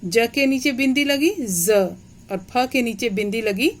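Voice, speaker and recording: A woman's voice: a little high, normal speed. A woman teacher giving a grammar lesson, explaining step by step and checking understanding with questions.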